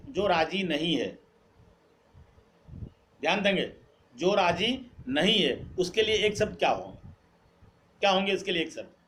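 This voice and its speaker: A man's voice: high voice, a bit bright, a little hiss or hum. A man teaching a grammar lesson, asking the class questions, then answering them and repeating the key words. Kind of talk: classroom-style lesson, quizzing students.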